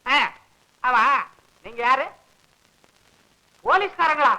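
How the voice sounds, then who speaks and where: Panicky comic father, high-pitched, bright, shouting and wailing, old film comedy. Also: lively intonation, slow pace, full character voice, poor audio. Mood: frantic. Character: panicky loud-mouthed father, comic, quick-tempered. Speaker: father who lost his money. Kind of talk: 1960s film comedy acting.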